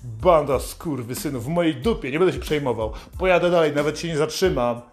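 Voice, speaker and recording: A man's voice: on the high side, brisk, faint music behind. A man delivering a satirical comedic rant in a swaggering, foul-mouthed manner.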